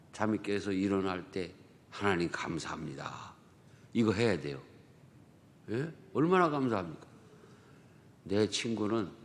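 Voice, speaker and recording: A male pastor with a lowish voice and a Chungcheong Korean accent gives a dawn prayer sermon in the church sanctuary. He keeps it conversational, leaning on rhetorical questions and dialect jokes, while the hall's long reverb trails behind.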